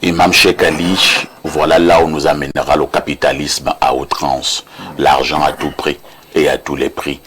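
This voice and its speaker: A man's voice: extremely low pitch, level tone, fairly bright tone, husky. A man, a pastor speaking emphatically in a studio debate and chiming in with jokes. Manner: emphatic, interjecting, quick to joke. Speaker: pastor, panel guest.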